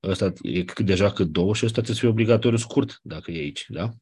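Husky low-voiced man teaching. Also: darkish tone. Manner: explanatory, checks understanding with "nu?". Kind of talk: classroom lecture.

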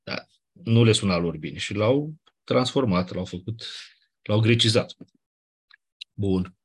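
Teaching Ancient Greek grammar in a classroom lecture, a low-voiced, husky Greek teacher explains the material. He adds colloquial remarks and keeps asking "nu?" to check understanding.

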